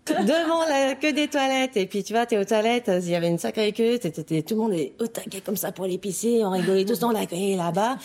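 A woman's voice: medium pitch, fast talker, hardly any pauses. A woman with a Saint-Étienne French accent, telling stories in a casual group discussion with frequent fillers. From France. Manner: lively storytelling, frequent fillers.

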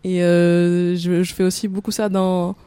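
A woman's voice: fairly low pitch, little pitch movement, measured pace, warm tone, clean tone, no room sound. A woman co-hosting a call-in radio show, speaking reflectively and hesitantly with many fillers.

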